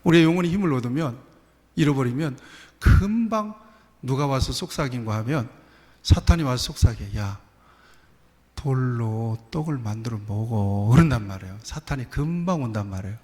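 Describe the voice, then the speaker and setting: A male pastor preaches in a church, talking with his congregation in an easy, conversational way. His voice sits at a middle pitch and is full of rhetorical questions. The sound carries a long reverb from the hall. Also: animated, a little fast, darkish tone. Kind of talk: sermon. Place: church sanctuary.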